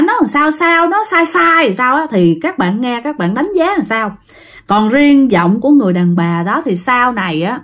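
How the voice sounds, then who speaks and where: A woman narrates a ghost story in a casual, chatty way, speaking straight to her listeners. Her voice sits fairly high and moves with lively swings. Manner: chatty, addressing listeners directly.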